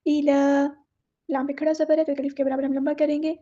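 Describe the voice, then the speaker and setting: A woman teaching word-by-word recitation, who slowly draws out each word and then explains it briskly and patiently. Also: high-pitched, flat delivery, dark tone, lo-fi sound. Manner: alternates slow drawn-out recitation with brisk explanation; patient, instructive, repeats words to model correct pronunciation. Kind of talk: tajweed lesson, word-by-word explanation.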